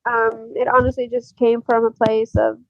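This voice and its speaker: A woman's voice: on the high side, monotone, moderate pace, highs cut off. Hesitant young woman from Algeria. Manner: hesitant, many fillers and soft laughs. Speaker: podcast guest. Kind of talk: casual interview chat.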